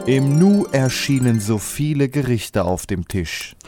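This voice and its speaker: A man's voice: medium pitch, expressive, a little slow, over loud music. A man narrating a comic fairy-tale radio play in a storytelling manner.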